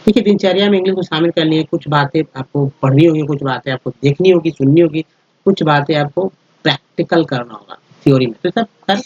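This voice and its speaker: Higher-voiced man teaching step by step. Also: quick pace, a little mellow, dry recording, muffled recording. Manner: explains step by step, repeats words and spells letters out; addresses viewers as friends, checks with "ठीक है". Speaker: English teacher. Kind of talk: spoken slide lesson.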